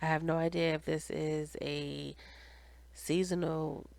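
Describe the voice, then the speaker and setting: Speaking at a measured pace with little pitch movement, this channel host has a deep, slightly mellow voice with vocal fry. She's congested from a cold or allergies, so she sounds nasal as she chats casually through a TV recap aimed directly at her viewers. The recording has no echo.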